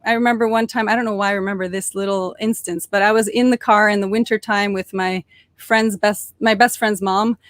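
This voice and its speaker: Born in Norway and brought up in suburban Detroit, Michigan, a young woman guests on a podcast, telling casual interview stories cheerfully with frequent fillers and restarts. Her medium-pitched voice is fairly quick with fairly even intonation, and there's no room sound.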